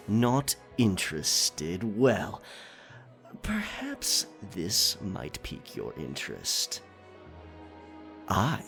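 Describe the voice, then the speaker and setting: A man's voice: on the low side, a bit bright, full character voice. A man playing a roguish, flirtatious, cocky pirate captain in a theatrical, teasing audio roleplay. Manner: teasing, theatrical, drawn-out delivery with chuckles. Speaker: voice actor. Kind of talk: romantic roleplay ASMR acting.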